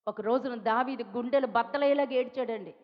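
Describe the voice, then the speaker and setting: A woman's voice: on the high side, a little fast. A woman from India with a Telugu accent, preaching a sermon with emphatic repetition, pleading tone and rhetorical questions. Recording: dull sound with long hall reverb.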